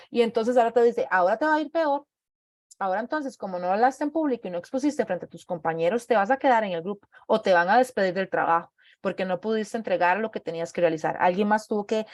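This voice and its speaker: A woman's voice: mid-range voice, darkish tone, no room sound, studio quality. A woman giving an online talk, explaining things conversationally and acting out inner voices, often checking in with her listeners. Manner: conversational, acts out inner voices, tags with ¿verdad?. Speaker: speaker giving a talk on anxiety.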